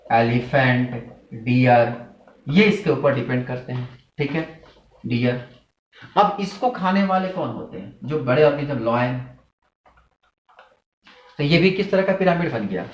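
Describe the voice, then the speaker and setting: A zoology teacher gives a classroom lecture in an echoey room, asking his students questions and then answering them himself. Sharp rises and drops in his pitch drive home his points.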